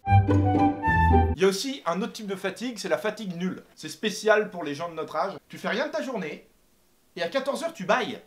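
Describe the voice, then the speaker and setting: A young man doing a comic rant to camera, animated and exaggerated, swearing and laughing often. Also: sits high, normal speed, loud music behind the voice. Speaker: comedy vlogger. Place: apartment.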